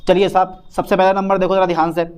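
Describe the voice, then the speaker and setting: Playful high-voiced male chemistry teacher. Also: little pitch movement, fast talker, a little mellow, clear, resonant tone. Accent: Hindi. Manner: chatty, playful, addresses students as beta and sahab. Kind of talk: chalkboard lecture.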